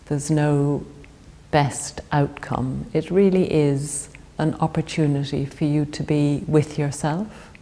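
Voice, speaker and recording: A woman leads a body scan meditation in a low, mellow voice. She speaks very slowly and gently, with calm pauses between phrases.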